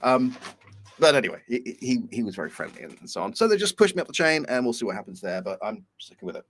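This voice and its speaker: A man's voice: mid-range voice, sing-song, fast talker, fairly bright tone. A man on a video call, talking candidly and a little rambling in a casual chat. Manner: candid, rambling, self-deprecating. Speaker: co-host.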